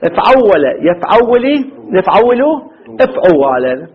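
A man's voice: high-pitched, big pitch swings. A male teacher giving a classroom grammar lesson, stretching out words and quizzing his students as he goes. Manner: quizzes the class, drawn-out repetitions. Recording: dull lo-fi classroom recording.

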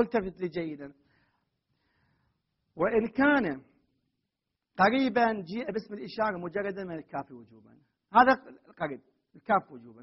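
A man with a very high, husky voice teaches a grammar class. He reads from the text, keeps quizzing the students and corrects them firmly. The recording is dull and muffled. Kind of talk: classroom lesson on Arabic grammar.

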